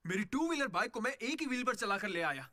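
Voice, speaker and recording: A man's voice: very high voice, big pitch swings, fast. A young man dubbing a timid, comic suitor who brags nervously to impress his girlfriend's father in a film. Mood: boastful. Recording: music score under the voice.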